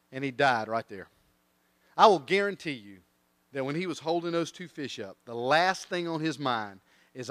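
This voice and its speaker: A man preaching a sermon, telling stories and swinging between quiet intensity and loud rising emphasis. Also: medium pitch, no echo. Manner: tells stories with quoted voices.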